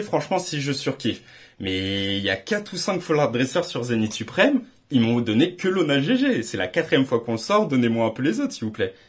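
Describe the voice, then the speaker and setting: A young man hosting a card-opening video, giving excited, slangy commentary and exclaiming loudly at every good pull. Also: a little high, slightly rough. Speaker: card collector and channel host.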